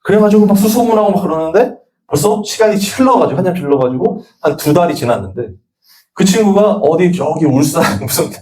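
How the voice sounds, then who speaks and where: A man's voice: high voice, expressive, brisk, a little mellow. A male pastor giving a conversational sermon at a Sunday church service, telling stories and acting out the dialogue.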